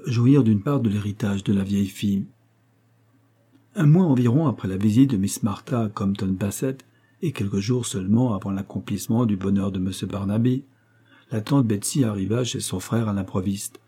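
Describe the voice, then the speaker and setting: Male audiobook narrator, very dark and husky, steady reading. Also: lowish voice. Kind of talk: scripted narration of a classic novel.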